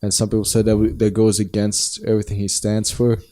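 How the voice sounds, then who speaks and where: A man with a northern German accent, speaking in a lowish, mellow voice. He co-hosts a casual podcast and rambles loosely, restarting sentences and filling gaps with "uh" and "like.". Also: completely flat delivery, brisk. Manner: rambling, many fillers and restarts. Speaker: podcast co-host. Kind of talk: casual chat.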